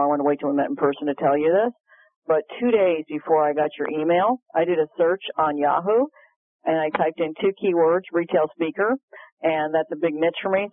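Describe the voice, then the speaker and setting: A woman guest speaker telling a story on a call-in show, animated and quick to laugh. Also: low voice, no echo. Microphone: telephone. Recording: tinny phone line, dry.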